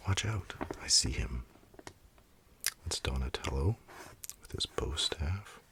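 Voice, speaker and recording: A man talking in a soft, half-whispered ASMR style close to the mic, musing in relaxed asides as he pages through a comic. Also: rumbling low, takes it slowly. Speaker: ASMR creator. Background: pen and page sounds.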